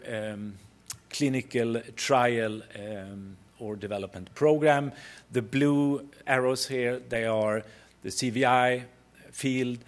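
Middle-aged Swedish-accented man presenting haltingly. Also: mid-range voice. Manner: halting, hesitant delivery with frequent pauses. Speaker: company chief executive presenting. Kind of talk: conference pitch presentation. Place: conference hall stage at a podium.

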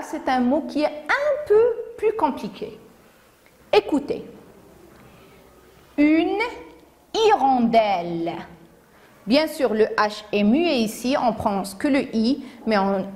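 A woman teacher with a Moroccan accent giving a phonics lesson to young children, saying each word slowly, syllable by syllable. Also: fairly high pitch, very animated. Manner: slow, deliberate, syllable by syllable. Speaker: primary school teacher.

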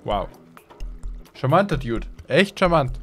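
A man's voice: mid-range voice, sing-song, slow, fairly bright tone. A man giving casual let's play commentary and joking asides while playing a video game. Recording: game music playing behind.

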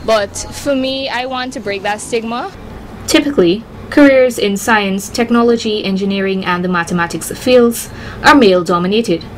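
A twenty-year-old Guyanese woman, a reporter and agronomy student, speaks firmly and earnestly into a handheld mic outdoors beside a building. Her mid-range voice moves at a normal speed, giving a news report and answering interview questions. The rough recording carries a little hiss or hum.

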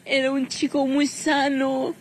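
Upset argentine woman, crying, high voice, street interview w faint noise. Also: flat delivery, measured pace. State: tearful, distressed. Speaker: bereaved mother being interviewed. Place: street outside a house. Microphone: handheld news microphone. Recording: noisy outdoor street recording.

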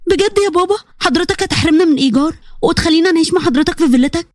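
A woman's voice: very high-pitched, very fast, no echo, clean studio sound, pitched above the performer's own voice. A woman voicing a poor young university student with an Egyptian accent, polite, hurt and pleading.

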